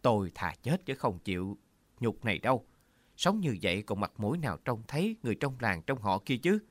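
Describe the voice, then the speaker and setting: A sick, proud older uncle, played by the male narrator, his voice rising sharp and hissing with rage. Under the anger it stays a low male voice. It is a storybook reading heard close up in a dry space. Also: very animated, fairly quick, no echo. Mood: bitter. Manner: hissing, angry outbursts.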